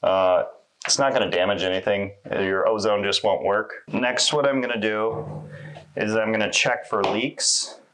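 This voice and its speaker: A man in his thirties casually walking through a laundry installation step by step in a small laundry room, relaxed and conversational. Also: lowish voice, unhurried. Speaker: installation demonstrator. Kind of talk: casual how-to walkthrough.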